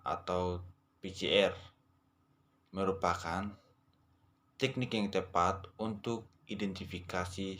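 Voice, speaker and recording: A man's voice: deep voice, slight background noise. A young man, a veterinary student, reading a class presentation steadily, sometimes correcting himself.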